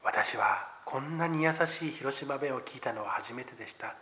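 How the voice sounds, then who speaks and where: A man preaching a sermon, shares personal testimony earnestly, then drops to near-whispers and rises to loud emphasis. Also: medium pitch, normal speed, a little hiss or hum. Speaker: pastor.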